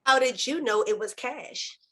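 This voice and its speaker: In a virtual screenplay table read, an actress with a high, slightly bright voice plays a persistent, skeptical news reporter confronting a politician. She asks pointed questions at a measured pace.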